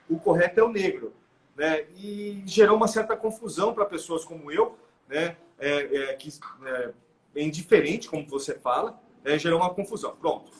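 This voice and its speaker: A middle-aged man with a Brazilian Portuguese accent, explaining his views as the guest of a live interview, animated and full of "né?" tags and restarts. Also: a little high. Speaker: guest expert.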